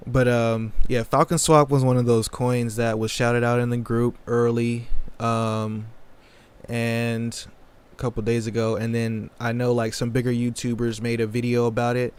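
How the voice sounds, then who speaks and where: A man's voice: mid-range voice, flat delivery, moderate pace, smooth. A man hosting a casual livestream, answering chat questions in a laid-back, slangy way. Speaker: crypto livestream host.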